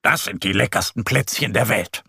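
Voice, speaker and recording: A man's voice: lowish voice, normal speed, creaky, bright, forceful tone, breathy edge, full character voice. A man doing a drowsy little bear cub. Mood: grumbly. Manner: drowsy, grumbly. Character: sleepy, stubborn little bear boy.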